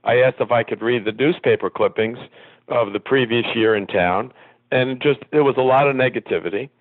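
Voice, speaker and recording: A man being interviewed as a guest, telling long rambling anecdotes with many pauses and ums. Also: mid-range voice, dry recording. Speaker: guest, former soccer executive. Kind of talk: reminiscing interview storytelling. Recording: tinny phone line.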